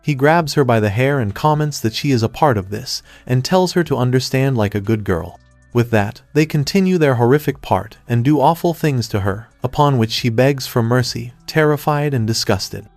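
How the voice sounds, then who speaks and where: A man narrating a manga recap in an even, scripted third-person retelling. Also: medium pitch, moderate pace, no echo. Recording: dry voice-over with faint music.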